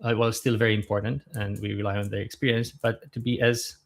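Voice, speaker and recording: A man in his thirties from Romania, a guest on a podcast interview, talking in a relaxed, thoughtful way with frequent fillers. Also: fairly low pitch, brisk. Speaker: guest, startup founder.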